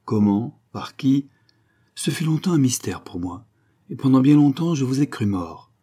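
A man reading the part of a grieving, anguished noble mother in an audiobook, with a husky voice and a solemn way of telling. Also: mid-range voice, expressive, moderate pace, dark tone, pitched above the performer's own voice. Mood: sorrowful.

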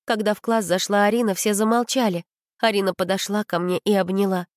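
A woman narrating a children's story in the first person, with expressive storytelling. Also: medium pitch, fairly quick, no room sound, studio quality. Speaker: audiobook reader.

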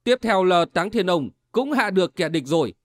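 A man narrating a martial-arts novel in a steady, dramatic storytelling manner. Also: high voice, normal speed, no echo, clean studio sound. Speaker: audiobook narrator.

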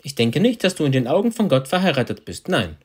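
A man's voice: mid-range voice, very animated, quick pace, breathy edge. A man interpreting a sermon, repeating each of the preacher's phrases right after him.

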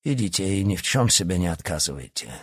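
A man's voice: deep voice, animated, fast, breathy edge. A man voicing a courteous, generous old baron in an audiobook. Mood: genial. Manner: courteous and warm. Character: genial wealthy old baron. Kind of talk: audiobook character voice.

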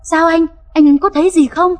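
A woman's voice: sits high, expressive, normal speed, dark tone, slightly rough. A woman storyteller voicing a frightened young wife who stammers anxiously. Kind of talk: audio story narration.

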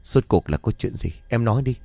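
A man voicing a middle-aged man who soothes and reassures in a low, hushed voice. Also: expressive, brisk, creaky, no echo, faint music behind. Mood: urgent.

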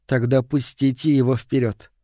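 Calm female medium, hushed slow voice, dark mellow tone, dry close sound, read by a man. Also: mid-range voice, no echo, natural voice.

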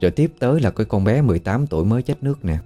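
A man's voice: on the low side, expressive, very fast, warm tone, soft background music. A man with a Southern Vietnamese accent telling a horror story in a chatty, conversational way, acting out the people he quotes.

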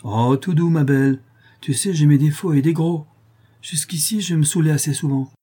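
A man reading aloud, voicing an outspoken middle-aged peasant widow in a raised, husky voice. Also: on the high side, moderate pace, dark tone, pitched above the performer's own voice. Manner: outspoken, defiant.

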